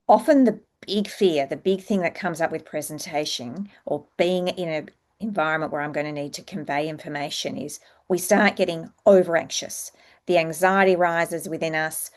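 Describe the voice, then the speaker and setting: Female public speaking coach, slightly low voice, explanatory delivery for a structured training presentation.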